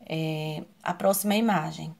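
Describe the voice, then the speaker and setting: Slow, patient Brazilian woman teacher. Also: low voice, fairly even intonation, creaky, darkish tone. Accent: Brazilian Portuguese. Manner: slow, patient, spells out syllables, asks questions often. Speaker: primary school teacher. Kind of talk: online class for children.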